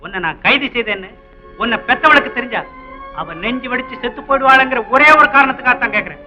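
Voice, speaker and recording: A man's voice: very high-pitched, quick pace, bright, forceful tone, heavily acted. A stern policeman father. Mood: stern, angry. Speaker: police constable. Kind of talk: 1960s film melodrama acting. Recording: dull old film soundtrack, faint music.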